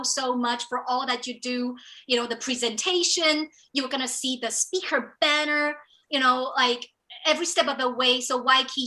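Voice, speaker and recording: A middle-aged woman from Taiwan, whose first language is Chinese, hosts a motivational live business training in polished, American-sounding English. She is enthusiastic and often repeats words when beginning a thought. Her voice sits high, bright and forceful, but the audio is poor.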